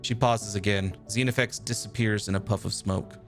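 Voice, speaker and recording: A male streamer reading a video game's text aloud with a steady storytelling delivery. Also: lowish voice, moderate pace, soft background music.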